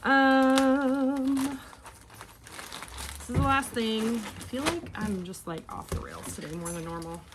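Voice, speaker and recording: A woman's voice: high-pitched, slow, noisy background. A woman in her forties chatting casually at home while packing orders, rambling and often trailing off mid-thought. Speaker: online clothing reseller.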